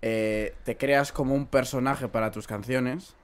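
A man hosting a relaxed podcast interview. He talks in a mid-pitched voice, chatty and full of filler phrases. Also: a little slow, clean tone. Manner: chatty, leans on fillers like "en plan". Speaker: podcast host.

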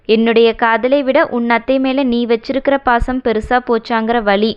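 A woman's voice: a little high, fairly even intonation, moderate pace, clear, resonant tone, muffled recording, lightly acted. A woman voicing a young husband who speaks with hurt and reproach in an audiobook romance. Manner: wounded, reproachful dialogue.

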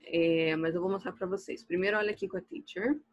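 A Brazilian woman teaches a recorded English lesson for children, walking through slides slowly and clearly. Her voice is soft and a little breathy, at a middle pitch. The sound is close and dry. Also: steady tone, no room sound, lo-fi sound. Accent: Brazilian Portuguese. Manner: patient, slow and clear, asks "ok?" after each point. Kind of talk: recorded online class explaining slides.

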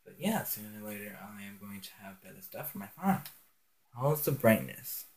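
Recording on a phone propped on a stand in his bedroom, this teenage gaming host talks at a moderate pace in a fairly low, animated voice. His casual commentary is rambling and giggly, with plenty of ums.

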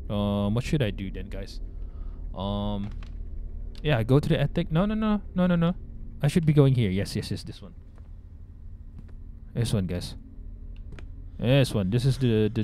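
A man's voice: on the low side, measured pace, long pauses, warm tone, slight background noise. A young man with a Bruneian Malay accent, giving casual, scared live commentary on a horror game and repeating himself. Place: small indoor room with webcam.

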